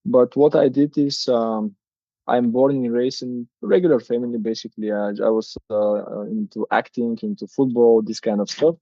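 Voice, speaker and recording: A Bulgarian-accented man in his thirties speaks hesitant, non-native English with a soft, mellow tone. The sound is dry and a little dull, like a lo-fi recording. His pitch sits in an ordinary middle range. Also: steady tone, normal speed, no echo. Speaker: guest, coach. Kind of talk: casual interview talk.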